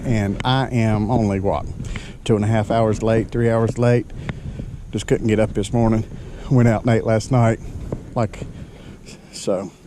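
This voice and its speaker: A man's voice: mid-range voice, warm tone, slight background noise. Breathless man vlogging at a lake. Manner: exasperated, self-deprecating, exclaims about the Lord. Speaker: kayak fishing vlogger. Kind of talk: casual outdoor vlog. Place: outdoors at a lake boat landing.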